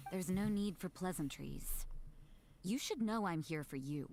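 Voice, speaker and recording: A woman's voice: fairly low pitch, expressive, a little slow, mellow, a little hiss or hum. A woman playing a cool, watchful guard in a video game, curt and matter-of-fact.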